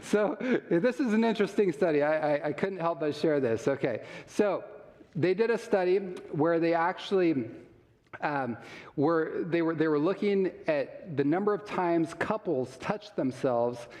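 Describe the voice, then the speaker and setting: A man gives a live health seminar, chatting with the audience, asking them questions, and chuckling often. His voice is fairly high with a darkish tone at a measured pace, set against the long reverb of a large hall.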